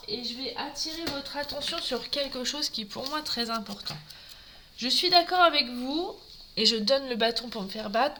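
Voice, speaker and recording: A woman's voice: high voice, heavy background noise. Chatty French woman demonstrating crafts. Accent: Norman French. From France. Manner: chatty, greets live viewers while working. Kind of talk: live crafting tutorial.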